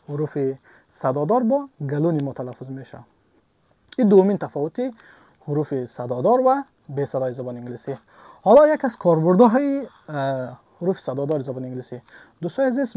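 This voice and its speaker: A man's voice: a little high, warm tone, no room sound. A man teaching English. He repeats each example word several times and asks and answers his own questions. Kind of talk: online language lesson.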